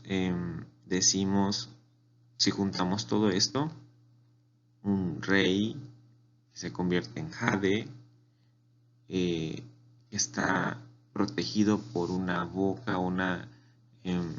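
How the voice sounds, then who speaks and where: Deep-voiced man teaching beginners, unhurried and repetitive, lo-fi sound. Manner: patient, repeats words for learners. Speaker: Chinese language teacher. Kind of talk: slow spoken language lesson. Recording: dull lo-fi recording with faint hum.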